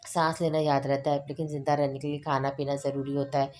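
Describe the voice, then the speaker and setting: A woman's voice: low voice, little pitch movement, quick pace, darkish tone, lightly acted. A woman voicing a stern, doting young husband who scolds firmly. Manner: scolding, firm.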